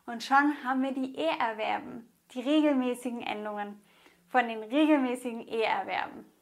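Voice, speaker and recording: A woman's voice: a little high, moderate pace, gravelly. A woman teaching a grammar lesson in a patient, encouraging way, spelling things out and repeating. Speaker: language teacher.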